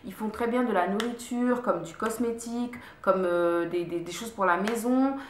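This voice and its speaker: A woman's voice: medium pitch, moderate pace, roomy sound, slight background noise. A woman vlogger casually reviewing her favorite products at home, chatty, repeating words and stopping to restart often. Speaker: beauty vlogger. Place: room at home.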